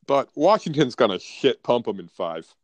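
A North American man with an average-pitched voice co-hosts a sports podcast. He chats casually, blunt and profane, with frat-bro banter. The sound is close and dry. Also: very animated, normal speed, no echo.

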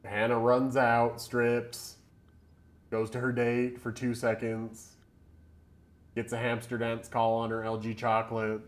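A man of middle pitch co-hosting a casual podcast and recapping a film scene by scene. His talk is loose and filler-heavy, and he breaks into laughter often. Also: completely flat delivery, takes it slowly. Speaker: podcast co-host. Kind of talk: casual movie recap chat.

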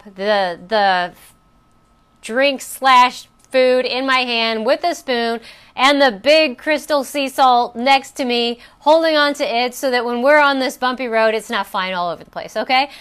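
A woman hosts a personal coaching talk in a high, smooth, clear voice. She tells a story conversationally, with fillers and restarts. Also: fairly bright tone. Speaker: host.

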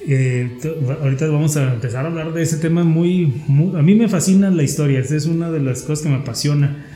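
A man's voice: a little high, a little fast, mellow. A man with a northern Mexican border Spanish accent chatting casually, telling things in an enthusiastic, digressive way and often repeating phrases. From US-Mexico border region of El Paso and Ciudad Juárez. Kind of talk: casual conversational talk on local history. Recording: roomy echo, faint music.

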